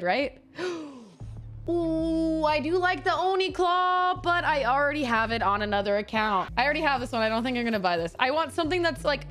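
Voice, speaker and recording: A young adult woman giving casual, chatty, expressive gaming commentary into a close desk microphone. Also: sits high. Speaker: game streamer. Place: indoor home streaming room. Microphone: close desk microphone on arm, headset on.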